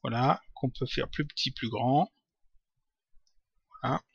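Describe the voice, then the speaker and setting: A man's voice: mid-range voice, fairly even intonation, slow pace, creaky, slightly rough, no echo, dull audio. Man, tutorial host, casual q&a, hesitant with fillers, dry close mic. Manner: hesitant, many fillers and restarts. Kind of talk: casual screen-recorded Q&A.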